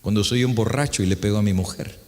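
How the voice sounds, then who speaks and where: A preacher voicing a subdued, confessing church elder. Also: male voice, fast talker, darkish tone, long reverb tail, lightly acted. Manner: low, subdued confiding tone. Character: remorseful middle-aged male church elder confessing.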